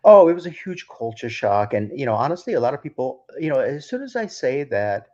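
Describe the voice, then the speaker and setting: A man's voice: mid-range voice, sing-song, fairly quick, darkish tone. A man from Ukraine, a DJ guest on a podcast, telling a long story in a rambling way with many restarts. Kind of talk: casual storytelling interview. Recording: dull lo-fi sound.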